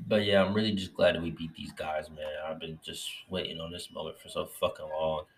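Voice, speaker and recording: A man giving a casual, profane recap of his team's win, excitable and swearing often, while getting over covid and feeling a bit lightheaded. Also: sits low, brisk, slight background noise. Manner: loose, profane, excitable fan talk. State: recovering from covid, a little lightheaded. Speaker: sports fan vlogger.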